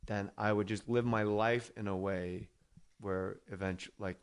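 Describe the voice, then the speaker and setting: A man's voice: on the low side, fairly even intonation, clear, resonant tone. A man in his forties from New Jersey, hosting a podcast in casual, profane chat and slipping into impressions. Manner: profane, quick to slip into impressions. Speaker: podcast host and comedian.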